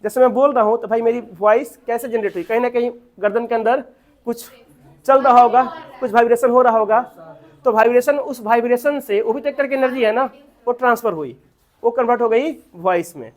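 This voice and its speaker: A man teaching a physics class. He asks the students questions and answers them himself, and dictates notes slowly with many repetitions. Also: extremely high pitch.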